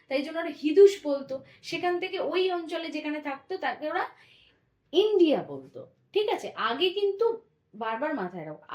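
A woman teacher walks her students through a history lesson, explaining step by step and pausing to check they follow. Her voice sits high and swoops up and down with animation. The sound carries an echoey room around it. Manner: explains step by step, often checks understanding with a tag question.

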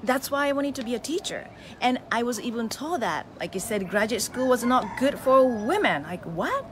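Streaming live from an outdoor veranda with the phone at arm's length, a face yoga teacher, a middle-aged Japanese woman with a Japanese accent, delivers a motivational talk to her followers. Her voice is fairly high and moderately paced; she's animated, exclaims, gestures with her hands and poses questions to listeners, while background noise carries through.

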